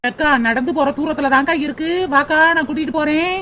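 A woman's voice: sits high, steady tone, very noisy, lightly acted. A woman voicing an eager, scheming young woman in a cartoon, coaxing. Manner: quick, coaxing. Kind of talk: cartoon voice acting.

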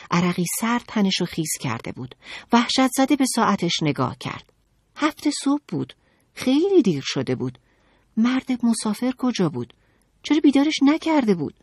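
A woman narrating a children's audiobook in an expressive, dramatic storytelling manner. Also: mid-range voice, slightly rough, no room sound, studio quality.

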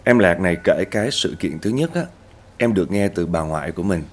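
Speaking fairly quickly with lively intonation, a male storyteller host narrates a spooky tale directly to his audience, chatting with them as "các bạn." At tense moments his pitch climbs. There is slight background noise.

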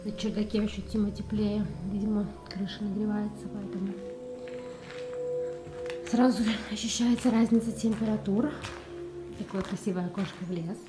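A woman giving casual walking commentary as she explores an abandoned building, often dropping her voice to a hush. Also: medium pitch, steady tone, moderate pace, long pauses. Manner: chatty, half-hushed, often drops to a whisper. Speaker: urban explorer vlogger. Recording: echoey empty rooms with music. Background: background music.

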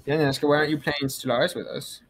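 A man's voice: on the high side, level tone, fast. A man hosting a group game stream over voice chat, teasing his friends in casual talk. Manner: teasing, playful.

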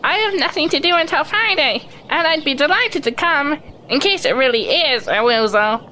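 A woman voicing a timid, excitable young male piglet in a children's audio drama, hesitant and stammering as if always ready with a nervous excuse. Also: high-pitched, normal speed, a little hiss or hum, poor audio. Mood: eager.

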